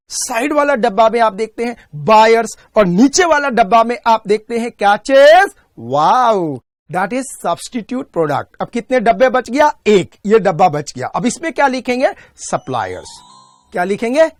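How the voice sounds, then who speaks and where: A man teaching an exam-prep class in a recorded online lecture. He drills each point by asking a question and answering it himself, and he slows right down on key terms. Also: very high voice, expressive, dry recording, studio quality.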